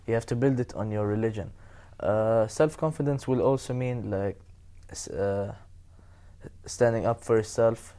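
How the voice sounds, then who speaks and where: A man's voice: medium pitch, warm tone. A sixteen-year-old Canadian boy answering as a talk show guest in short, direct sentences. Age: teen. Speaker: young guest.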